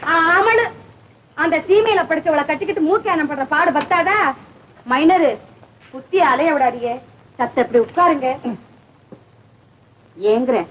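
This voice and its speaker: Brief: a feisty village wife, very high-voiced, bold and teasing, with old film hiss. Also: female voice, lively intonation. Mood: coaxing. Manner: bold, teasing, fast comebacks, shouts. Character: feisty newly married village wife, sharp-tongued. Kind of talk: 1970s film comedy dialogue. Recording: dull hissy old film soundtrack.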